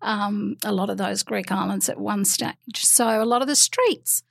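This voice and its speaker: A woman's voice: mid-range voice, moderate pace, creaky, slightly rough, no echo, studio quality. A woman with an Australian accent chatting casually about travel, with lots of ums and easy laughter. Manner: chatty, hesitant with many ums, laughs easily. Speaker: travel guest. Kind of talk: casual chat.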